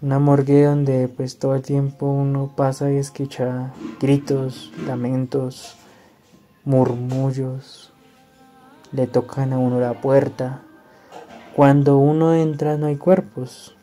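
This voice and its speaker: A man speaks, a doctor recounting his hospital experiences. His voice is deep-toned and very dark, held in a narrow, level pitch. Faint music plays behind him. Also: flat delivery, slow pace. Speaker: doctor, guest. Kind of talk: recounting personal hospital stories.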